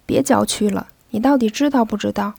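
A woman's voice: mid-range voice, brisk, vocal fry, darkish tone, husky, dry recording. A woman reading as a teasing young rich man. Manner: playful, teasing. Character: young wealthy playboy man, teasing and carefree.

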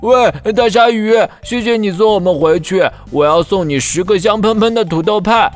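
A man voicing a timid, food-loving, excitable little male pig in a children's audio story. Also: sits high, moderate pace, faint music behind, close to an everyday voice. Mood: excited, grateful.

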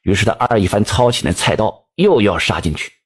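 A man, telling a folk tale in lively colloquial speech. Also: fairly low pitch, a little fast, breathy edge. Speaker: storyteller.

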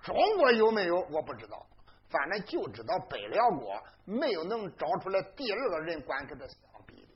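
A boastful old commander bellows and scolds in a high voice that leaps and dives across its whole range, as a storyteller puts him on. The colours every word. The recording sounds dull and lo-fi. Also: male voice, very animated, brisk. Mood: musing. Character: boastful old male foreign commander, blustering.

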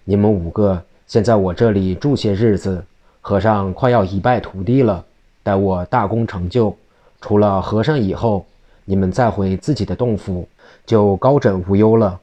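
A boastful, evil old Taoist demon speaks in a low, dark voice full of scorn, put on by a male storyteller. He threatens his enemy with proud certainty. It is a storybook villain from a traditional tale. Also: normal speed, muffled recording, natural voice. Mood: haughty.

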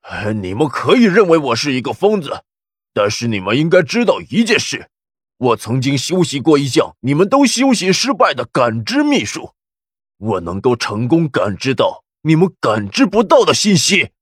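A man's voice: mid-range voice, sing-song, normal speed, slightly rough, no room sound, studio quality. An actor playing a proud, scornful young male Taoist prisoner who mocks and defies his captors. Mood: defiant. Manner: mocking, defiant, bursts into shouting.

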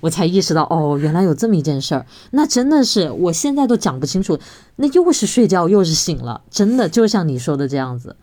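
A woman co-hosting a podcast in casual chat, telling stories with lively feeling. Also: on the low side, brisk. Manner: lively storyteller, retells scenes with feeling. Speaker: podcast co-host.

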